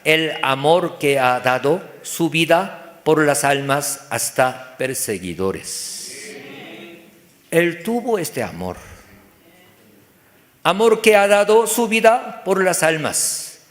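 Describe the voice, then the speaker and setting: Slow, lively pastor preaching. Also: male voice, on the high side, long reverb tail. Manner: simple broken Spanish, rhetorical questions, acts out dialogues. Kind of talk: sermon. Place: church.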